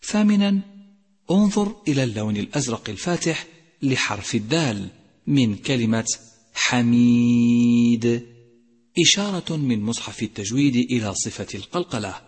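Man teaching quran recitation, slow and careful, chants the example words, kinda husky, long reverb on it. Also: medium pitch, sing-song. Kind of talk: tajweed lesson with recited examples.

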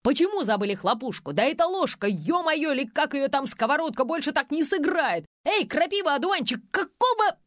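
A woman voicing a bossy young male film director who yells orders on set. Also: medium pitch, very animated, measured pace, no room sound, studio quality. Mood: furious. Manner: yelling, barking orders.

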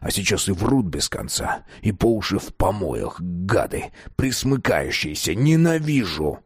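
A man's voice: mid-range voice, big pitch swings, a little slow, darkish tone, no echo, clean studio sound. A man reading the part of a cynical older official, a grandfather who rants irritably about everyone around him. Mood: bitter ranting. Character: bitter older male official, grey-haired grandfather.

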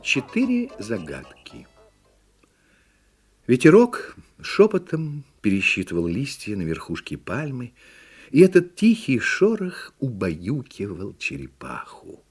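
Man, fairy tale storyteller, slow, very animated, warm. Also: medium pitch, breathy edge, soft background music. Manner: slow, expressive, very animated melody. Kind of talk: audio fairy tale narration.

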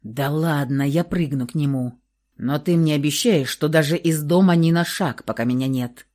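A woman's voice: low voice, normal speed, warm tone, pitched below the performer's own voice, natural voice. A woman voicing a dry, sardonic young man, a protective brother who grumbles and teases, in an audiobook reading. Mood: wry. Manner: wry, grumbling.

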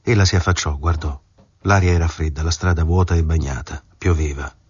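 A male narrator reads a novel in a calm, measured way. His voice is very low and husky. The recording is dry and a little dull, with no room sound. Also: no room sound. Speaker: audiobook narrator. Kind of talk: scripted literary narration.

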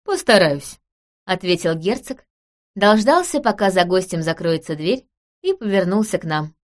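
A woman narrating a story in the first person as an audiobook reader, in an even storytelling manner. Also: fairly low pitch, moderate pace.

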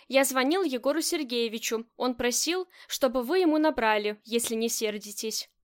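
A loyal, easygoing young bodyguard with a light, teasing way of speaking, in an audiobook, read in a high voice by a woman. He stays respectful while he jokes. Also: moderate pace, natural voice.

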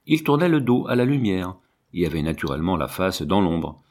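A man reading a classic novel aloud in a measured, expressive narration. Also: low-pitched. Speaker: audiobook reader.

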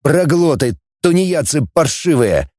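A man's voice: a little high, very animated, unhurried, a little mellow, no room sound, clean studio sound. A man reading an audiobook voices a tough, sarcastic male space-fleet coordinator who barks orders. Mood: commanding.

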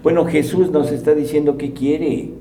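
A man's voice: a little high, fairly even intonation, moderate pace, a crowd in the background. A man preaching in a humorous, conversational way, asking the audience questions as he goes. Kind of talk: sermon with audience interaction. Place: large room with live audience. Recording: roomy hall, mic at a distance.

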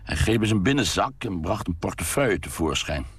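A man reading a short story aloud in a calm, measured way. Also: sits low, husky, no room sound. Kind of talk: scripted narration.

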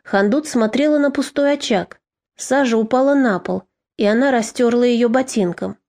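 High-voiced woman reading an audiobook. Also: moderate pace, a little mellow. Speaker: audiobook narrator. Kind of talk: audiobook narration.

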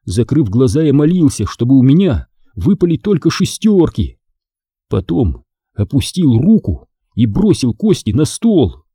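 Dark-voiced, husky male storyteller. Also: mid-range voice, a little slow, dry recording, clean studio sound. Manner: expressive, dramatic reading. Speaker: audiobook narrator. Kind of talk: first-person story narration.

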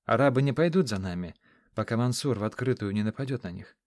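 A man reading the lines of an exiled desert king in an audiobook, measured and solemn. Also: medium pitch, lively intonation, a little mellow, natural voice. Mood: grave.

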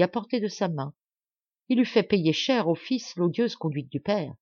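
A woman from France giving an expressive, measured literary audiobook narration. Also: fairly low pitch, dry recording. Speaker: audiobook reader. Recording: dull, dry home recording.

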